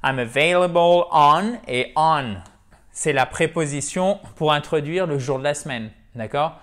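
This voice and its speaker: A man teaching English in French, explaining step by step and slowing down to stress model English phrases. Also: a little high. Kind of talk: French-language English lesson.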